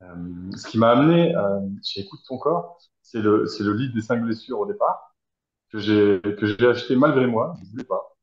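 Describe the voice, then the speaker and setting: Thirties French guy on a roomy, dull-sounding video call, lower voice, thinks aloud and hesitates. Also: lively intonation, moderate pace, a little mellow. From France. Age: 30s. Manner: reflective, hesitant, searching for words. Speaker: guest, helping professional. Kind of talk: personal interview answers. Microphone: video call from abroad.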